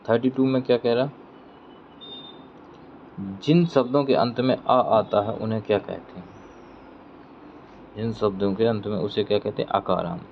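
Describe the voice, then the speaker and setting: A man teaching an exam-prep grammar lesson. He repeats every question before he answers it himself, and he checks in with his students as he goes. The recording is dull and lo-fi, with faint traffic noise behind him. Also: fairly low pitch. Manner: explains step by step, checking in with "theek hai".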